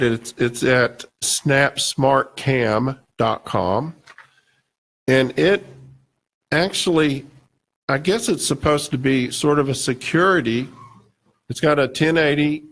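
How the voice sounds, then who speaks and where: A man's voice: mid-range voice, vocal fry, a bit bright. A male radio show host talking casually and rambling, with many restarts and fillers, his voice a bit scratchy. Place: radio studio.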